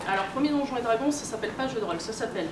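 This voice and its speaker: Speaking very fast and animatedly in a slightly high voice, a games researcher, editor and lecturer delivers a conversational conference talk full of hesitations and fillers. The distant mic picks her up in a noisy, echoey convention room.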